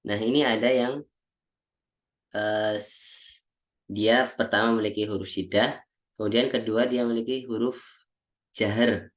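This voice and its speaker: Slow, low-voiced male recitation teacher. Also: fairly even intonation. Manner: slow, patient, repeats each syllable aloud as a drill; clears throat often. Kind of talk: teaching Arabic letter pronunciation. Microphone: video call.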